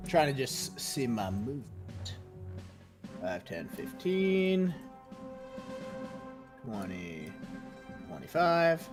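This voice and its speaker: A man's voice: mid-range voice, big pitch swings, drawn-out words, long pauses, over music. A man chatting casually as a player in a tabletop game, talking through his moves.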